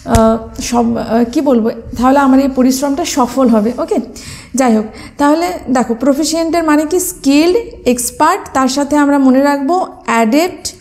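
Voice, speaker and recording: Woman, high pitched, mellow tone, vocabulary lesson, spells words letter by letter. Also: moderate pace. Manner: asks and answers her own questions; frequent fillers, mixes English words into speech. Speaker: vocabulary teacher. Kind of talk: exam prep lesson.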